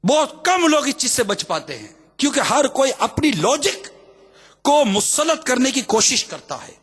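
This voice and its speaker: A man's voice: extremely high pitch, sing-song, fairly bright tone, husky, faint music behind. A man preaching a sermon, emphatic and repetitive, firing rhetorical questions at his listeners. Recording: hall with long reverb.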